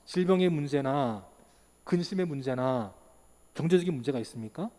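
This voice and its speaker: A man's voice: mid-range voice, moderate pace. A man in his thirties preaching a sermon as pastor, asking rhetorical questions and acting out the people in his stories. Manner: animated preaching, acts out quotes, rhetorical questions. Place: church sanctuary. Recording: long reverb of a church hall.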